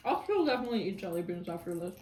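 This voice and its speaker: A woman's voice: lowish voice, big pitch swings, very fast, darkish tone. A woman chatting casually as she takes part in an eating challenge, talking between mouthfuls of jelly beans. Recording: roomy echo with background noise.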